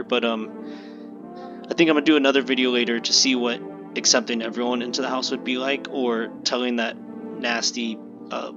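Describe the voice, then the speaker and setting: A man hosting a gameplay video, talking casually and haltingly, with restarts he admits are stuttering. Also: medium pitch. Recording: slightly dull lo-fi recording.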